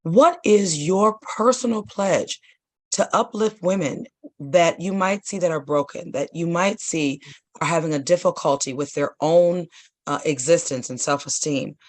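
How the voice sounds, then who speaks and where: A woman hosting a talk panel, asking questions in a measured, probing way. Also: lowish voice. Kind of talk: interview question.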